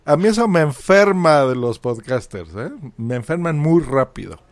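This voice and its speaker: A man's voice: a little high, animated, normal speed, no echo, clean studio sound. A man with a Mexican accent co-hosting a casual, jokey podcast chat. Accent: Mexican Spanish. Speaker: podcast co-host.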